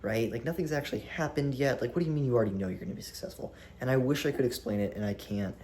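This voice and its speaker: A young man around twenty vlogging to a camera on a tripod, animated and rambling, with swearing and restarts. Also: mid-range voice, rapid-fire, a little hiss or hum. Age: young adult. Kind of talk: casual talk to camera.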